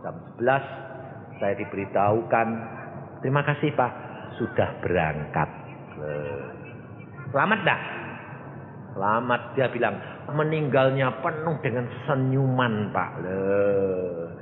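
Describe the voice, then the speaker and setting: A man's voice: fairly low pitch, big pitch swings, slow, pauses often. A male evangelist preaching a sermon. He tells stories, acts out the voices in them, and asks the congregation questions. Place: church hall. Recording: echoey hall, phone-like thin sound.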